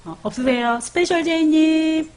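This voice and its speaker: A woman's voice: high-pitched, normal speed, darkish tone. A woman hosting a live parenting stream, chatting casually as she reads viewer comments, calls out their names and gives baby sleep tips.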